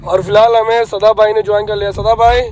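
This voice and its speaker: A man's voice: high-pitched, flat delivery, brisk, a little mellow, a little hiss or hum. A man vlogging casually while out and about, teasing and talking straight to his viewers. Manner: chatty, teasing, addresses viewers directly. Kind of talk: casual vlog talk to viewers.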